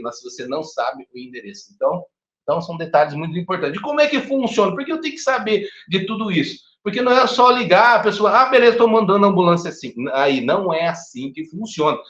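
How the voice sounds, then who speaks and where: A man with a Brazilian Portuguese accent leads a first aid lesson in an animated, chatty way, his voice sitting a little high. He keeps checking in with his listeners. The sound is dull and lo-fi, with a roomy echo. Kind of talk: online teacher training lecture. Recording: echoey room, dull lo-fi sound.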